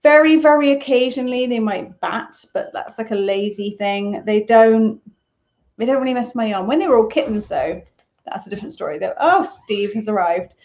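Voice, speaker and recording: A woman's voice: a little high, a little fast, darkish tone, dull audio. A woman hosting a casual crochet Q&A live stream from home, chatty, rambling and self-deprecating. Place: at home, on a sofa.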